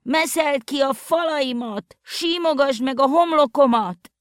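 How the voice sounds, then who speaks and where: A woman voicing an old house that cries out in a raspy, screeching voice in a storybook reading. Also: sits high, no echo, studio quality, pitched above the performer's own voice, natural voice. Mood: pleading. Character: old house crying out for help.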